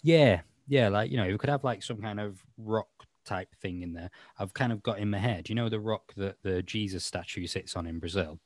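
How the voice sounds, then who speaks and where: A man with a deep voice hosts a relaxed podcast chat. He rambles and pokes fun at himself, with plenty of "like" and "um". The sound is close and dry, with no room in it. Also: normal speed, few pauses, dry recording. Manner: rambling, self-mocking, many fillers. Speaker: podcast host. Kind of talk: casual chat.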